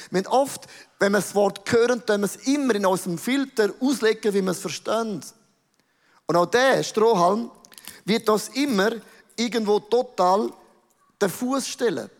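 A man with a Swiss German accent preaching a sermon, emphatic and peppered with English words. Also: sits high. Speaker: pastor. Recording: reverberant large hall.

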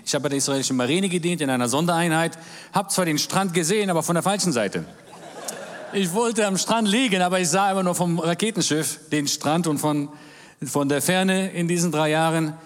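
A man's voice: a little high, fairly quick. A man in his forties, born in Germany, giving a church talk as a guest speaker in a jovial manner with jokes and amens. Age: 40s. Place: large church hall. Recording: reverberant church hall.

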